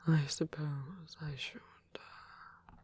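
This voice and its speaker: Speaking slowly in a steady, mid-range voice, a performer plays a tender, soft-spoken male vampire priest for an intimate ASMR roleplay and scripted romantic audio drama. The delivery is a breathy, whispery, hesitant murmur with formal wording and an earnest feel, recorded close and dry.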